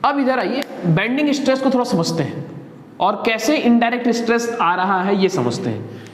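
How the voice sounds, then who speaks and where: A man's voice: very high-pitched, sing-song, moderate pace. A man teaching engineering in a classroom, asking students questions and answering them himself. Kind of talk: classroom lecture. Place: classroom with a board. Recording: echoey classroom with long reverb, faint noise.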